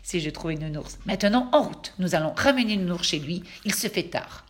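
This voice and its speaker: A woman's voice: lowish voice, animated, brisk. A woman voicing a playful, cheerful elephant cousin who loves pranks in a children's storybook.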